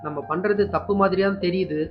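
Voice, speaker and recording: A man voicing a hurt young woman who pleads and pities herself, talking fast. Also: lowish voice, lightly acted. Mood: resolved. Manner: pleading, self-pitying. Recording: dull lo-fi with faint music.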